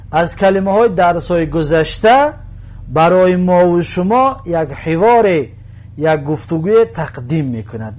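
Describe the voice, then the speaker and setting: A man with a Tajik accent teaching an Arabic lesson, reading each word and repeating its translation slowly. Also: high voice, a little mellow. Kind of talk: recorded language lesson.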